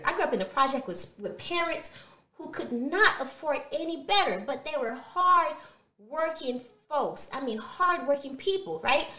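Speaking with a high-pitched, pushed, bright voice, a thirtysomething Haitian woman delivers a personal motivational talk to camera. Creole is her first language, and her Haitian Creole accent comes through as she repeats words for emphasis. The small indoor studio room sounds reverberant.

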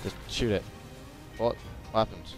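A young man with a voice on the low side talks at a normal speed, giving casual, chatty, jokey let's play commentary over a game. He is a gaming video creator, and video game music, sounds, and doubled game audio play behind him.

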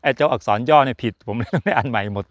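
A man's voice: medium pitch, rapid-fire, no echo, muffled recording. A man hosting a casual chatty motorsport talk, joking and rambling with fillers as he talks to his viewers. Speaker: F1 channel host. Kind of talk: casual chat to camera.

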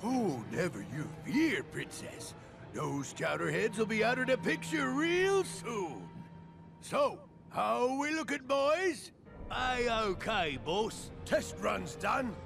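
A slow, gravelly, gloating voice from a big scheming villain captain in a game. He sounds smug and self-satisfied, with a high, swooping pitch, and clear game music plays behind him. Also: sing-song, heavily acted.

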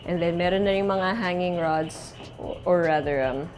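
A young real estate host with a Filipino accent chats her way through an empty house, indoors and outdoors, slipping between languages mid-sentence. She has a lowish, slightly mellow voice at a moderate pace, with faint music behind.

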